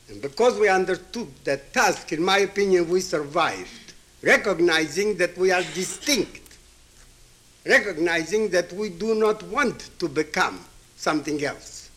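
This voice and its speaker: Raised with Hebrew and Yiddish, a Ukrainian man in his seventies gives a reflective address at a very slow pace. For a man his voice is fairly high and a bit bright. He speaks emphatically, repeating key phrases and putting rhetorical questions to his listeners.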